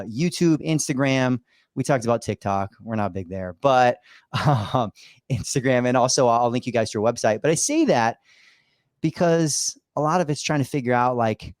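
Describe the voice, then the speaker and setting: A man's voice: mid-range voice, a little mellow, no echo. Upbeat man hosting a podcast, dry sound. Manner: upbeat, loose, with many "uh" and "like". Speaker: podcast host. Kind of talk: casual interview chat.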